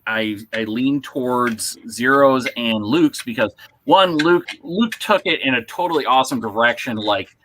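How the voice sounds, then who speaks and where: A man's voice: mid-range voice, sharp tone, slight background noise, low-quality recording. A man co-hosting a hobby podcast, chatting casually and rambling with lots of restarts. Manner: rambling, halting with many restarts. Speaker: podcast co-host. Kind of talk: casual chat.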